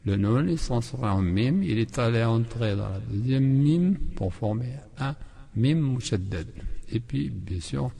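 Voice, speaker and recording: A man teaches recitation rules in a slow, patient lesson, drilling the same syllables over and over. His voice is gravelly and dark. The recording carries a long reverb, as if in a large hall. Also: mid-range voice, lively intonation. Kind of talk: tajwid lesson with chanted examples.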